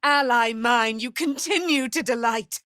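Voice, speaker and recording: Speaking with fondness, a woman plays the immortal warrior daughter of a moon goddess in a fantasy game, proud and righteous, with lofty, archaic, declamatory phrasing. Her voice is on the high side and sharp-toned, delivered unhurriedly in a dry, clean studio recording.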